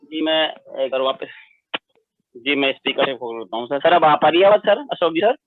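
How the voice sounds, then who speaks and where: A man's voice: a little high, expressive, brisk, no echo. Deferential male caller on a tinny phone line. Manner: deferential, hesitant with fillers. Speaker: caller asking questions.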